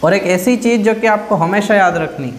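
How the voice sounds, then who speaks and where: A man's voice: high voice, normal speed. A man teaching an English grammar lesson at a board, often checking in with "ठीक है?" and asking questions he then answers himself. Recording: echoey room.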